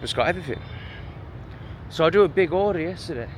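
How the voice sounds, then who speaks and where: A man's voice: fairly high pitch, animated, fast, a little hiss or hum. A man with an English accent in a casual vlog rant, exasperated and sweary, rambling from one gripe to the next. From England. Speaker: vlogger. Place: home in a town, street sounds outside.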